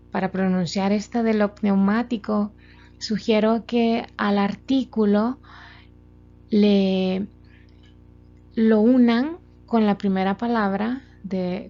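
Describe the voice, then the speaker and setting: Woman going over grammar rules slide by slide, slow and mellow, dull lo-fi sound. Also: mid-range voice. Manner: slow, methodical explaining with examples. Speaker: language teacher. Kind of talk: slide-based grammar lesson. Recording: dull lo-fi sound, faint music.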